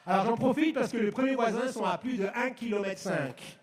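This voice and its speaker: A man from France gives an emphatic, story-filled sermon outdoors, his voice sitting fairly high and often swelling to a shout. He mixes humour into the preaching. The sound carries a strong echo from the public-address setup. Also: a little fast, a little hiss or hum. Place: outdoors in woods at a festival.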